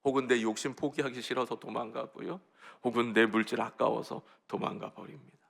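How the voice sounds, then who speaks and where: A man's voice: medium pitch, fairly even intonation, brisk, gravelly, a bit bright. A male pastor giving an early-morning sermon in a church, talking conversationally and putting questions to the congregation.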